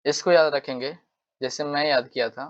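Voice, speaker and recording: A man's voice: fairly high pitch, fairly even intonation, moderate pace. A male English teacher giving a casual exam-prep lesson, repeating himself and checking in with tag questions. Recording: dull lo-fi sound.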